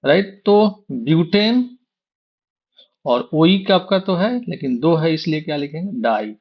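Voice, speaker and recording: A man explains chemistry in a teacher's voice that sits a little high and carries a gravelly edge. He keeps asking the class questions and answering them himself, repeating each key term. The recording is dull and lo-fi. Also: animated, a little slow. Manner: repeats key terms, asks and answers his own questions. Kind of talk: explaining a lesson.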